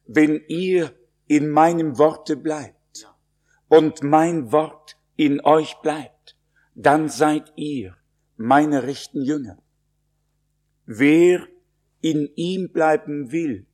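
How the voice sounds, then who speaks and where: Man, preacher, sermon, very slow, emphatic, solemn, slightly high voice. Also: a little mellow.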